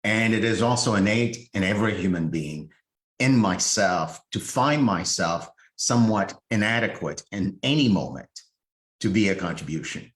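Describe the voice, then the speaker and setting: A man from Haiti, a coach invited as a guest, telling a childhood story in a slow, reflective way with restarts. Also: on the low side, expressive, fairly bright tone, reverberant. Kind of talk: conversational storytelling.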